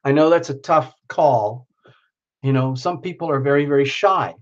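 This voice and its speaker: On a live stream, a mid-range male voice at a moderate pace delivers a lively, casual tarot reading, his voice giving out as he goes. He chats away and addresses the viewer directly by name, and the recording has its highs cut off.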